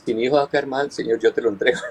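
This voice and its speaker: A pastor giving an earnest personal testimony, often halting and repeating his words as he recounts. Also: mid-range voice, steady tone, a little mellow, husky, rough recording.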